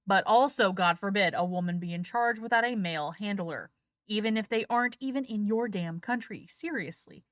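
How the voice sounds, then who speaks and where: A woman's voice: medium pitch, a little fast, no room sound, clean studio sound. A woman co-hosting a history podcast, narrating with sarcastic, indignant asides. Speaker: podcast co-host. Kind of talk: casual history podcast chat.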